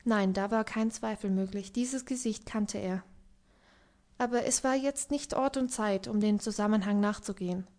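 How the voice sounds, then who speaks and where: A woman reading literary prose aloud as an audiobook narrator, in a calm, even way. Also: mid-range voice, moderate pace. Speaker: audiobook reader.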